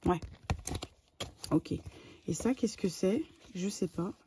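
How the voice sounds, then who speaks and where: A middle-aged French woman with a French accent chatting casually while unboxing a parcel, excitable and full of fillers and repeated words. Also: on the low side, takes it slowly. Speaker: vlogger. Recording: faint background noise.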